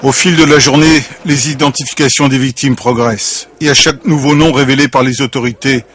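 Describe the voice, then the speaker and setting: A man narrating a television news report in a measured, grave tone. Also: mid-range voice, steady tone, fairly bright tone.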